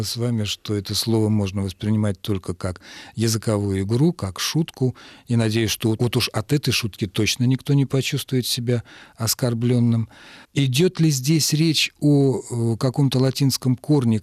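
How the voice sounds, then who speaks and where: A man answering listeners' questions about language on a radio call-in show, explaining at a measured pace with occasional hesitations. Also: mid-range voice, dry recording, clean studio sound. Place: radio studio.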